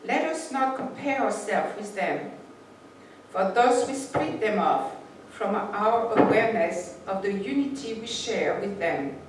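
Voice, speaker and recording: An animated, medium-pitched female voice, a little slow. She is a spiritual teacher whose first language isn't English, giving a reflective talk and reading passages aloud, with a few restarts along the way, recorded from afar in an echoey room with faint noise.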